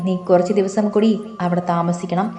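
A scheming, coaxing old grandmother from a storybook, read by a woman. Mellow and soft, in a roomy space. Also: lowish voice, steady tone, normal speed, lightly acted.

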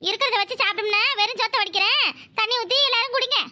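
A woman with a Kanyakumari Tamil accent voicing a sharp-tongued, complaining young village wife and mother in a cartoon. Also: very high voice, racing, dry recording, studio quality, full character voice. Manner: nagging, quarrelsome. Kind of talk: cartoon voice acting.

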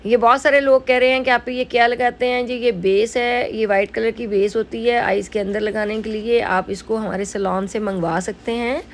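Her fairly high, steady voice moves at normal speed with hardly any pauses. The speaker is a middle-aged makeup artist who owns a salon and has a Pakistani Urdu accent. She narrates a relaxed tutorial in a chatty way, leaning on filler phrases like "jo hai woh."

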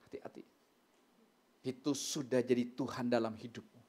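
A middle-aged male pastor delivering a sermon with plenty of storytelling. His voice leaps up into loud, high exclamations and then drops to hushed, low remarks, keeping the congregation engaged. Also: fairly even intonation, moderate pace, husky.

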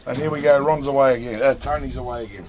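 A man's voice: mid-range voice, fast talker, dull audio. A middle-aged man explaining a fishing rig step by step on a small boat at sea. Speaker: fishing host. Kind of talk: instructional commentary. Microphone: camera mic. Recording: wind and boat noise outdoors.

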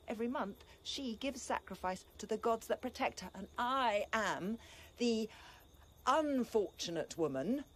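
An actress playing a bitter, grieving young princess in a classical stage tragedy, impassioned, with sharp outbursts among low laments. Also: female voice, slightly rough.

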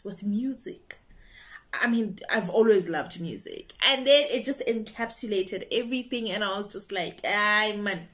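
Bubbly young female opera singer, casual vlog delivery, quick to laugh. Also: mid-range voice. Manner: bubbly, expressive, laughs and breaks into singing. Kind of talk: casual chat to camera.

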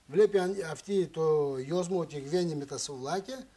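High-voiced man telling a rambling story. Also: mellow, husky. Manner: rambling, broken Greek with repeated phrases. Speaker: guest on a relationship talk show. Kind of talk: emotional storytelling. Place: television studio.

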